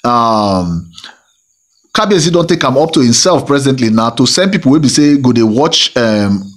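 A man's voice: mid-range voice, animated, normal speed. A middle-aged man speaking with a Nigerian Pidgin accent, whose first language is Igbo, delivering a rambling celebrity gossip monologue full of fillers and repeated phrases. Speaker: gossip channel host.

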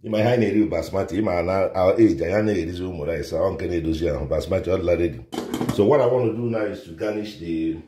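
An older man chats while cooking in his home kitchen for a casual cooking video, repeating himself and boasting about his dishes. His voice is low-pitched, brisk and warm. Someone else holds the phone camera, so the mic is a bit far in the roomy kitchen.

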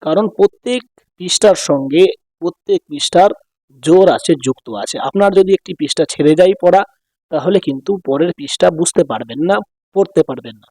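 A man teaching Quran reading in Bengali, with a Bangladeshi accent, drilling syllables slowly one by one, then explaining quickly. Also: high voice, dark tone, dry recording. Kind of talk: spelling-out reading lesson.

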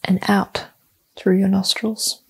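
Soft, calm, soothing meditation guidance comes from a woman speaking in short phrases broken by long, deliberate pauses. Her medium-pitched voice sounds creaky and husky.

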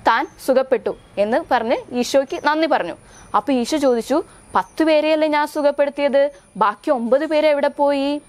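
A young woman with a Kerala Malayalam accent and a fairly high voice leads a children's catechism class. She tells Bible stories in a gentle way, stops often to ask the little ones questions, and slows down to recite prayers. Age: young adult. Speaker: Sunday school catechism teacher. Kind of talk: storytelling lesson for young children.

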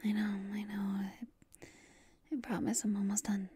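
Tired and sheepish, a woman whispers as an affectionate, playful girlfriend talking to her lover late at night, a touch hesitant and intimate. Her medium-pitched voice is dark and breathy, delivered flatly and a little slowly.

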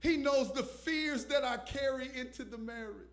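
A man preaching a sermon on a church stage into a handheld microphone, moving between loud shouted lines and quiet asides. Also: very high voice, normal speed. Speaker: visiting pastor. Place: church stage with purple lights.

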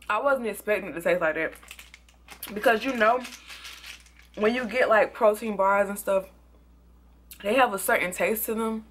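A young woman reviewing products in a casual, excitable vlog, sometimes talking with food in her mouth. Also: mid-range voice, a little hiss or hum. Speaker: beauty and product vlogger.

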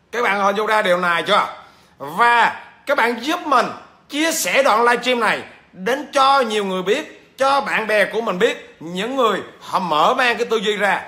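A man's voice: very high voice, sharp tone. A man, a business trainer, giving a livestreamed lecture; he stammers at times and keeps checking in with viewers through questions.

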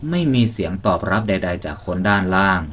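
A man narrating a scripted ghost story in a measured, suspenseful manner. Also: deep voice, steady tone, fairly bright tone, a little hiss or hum.

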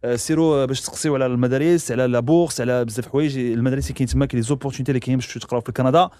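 A man's voice: mid-range voice, steady tone, warm tone, no room sound. A man with a Moroccan accent hosting a morning radio show, joking and slipping into Arabic. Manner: fast, joking, switching into Arabic. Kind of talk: playful morning radio talk.

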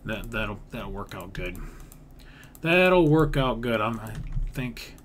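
Fairly low in pitch yet a bit bright, the gaming creator speaks slowly with lively intonation while building in a video game. He voices his thoughts casually, repeating phrases and using folksy grammar, over background noise and keyboard typing.

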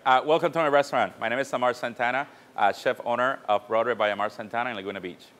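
A man's voice: mid-range voice, quick pace, a bit bright. A man in his thirties from the Dominican Republic, a chef and restaurant owner, talking candidly about his life with easy fillers. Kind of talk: casual self-introduction. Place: restaurant kitchen and gym.

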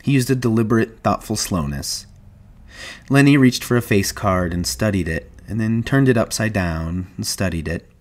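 A man narrating a novel aloud in a measured, even storytelling manner. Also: fairly low pitch. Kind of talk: audiobook reading.

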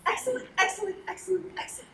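A woman's voice: very high voice, rapid-fire, sharp tone, distant mic. A young woman on a school stage playing a chatty, cheeky teenage girl who talks eagerly. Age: young adult. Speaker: stage actor. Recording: echoey stage hall, room noise.

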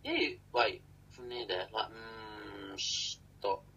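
A man's voice: lowish voice, takes it slowly, sharp tone, husky, poor audio. A young man co-hosting a casual livestream from a small room, chatting and thanking viewers by name. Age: young adult. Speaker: livestream co-host. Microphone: webcam at desk.

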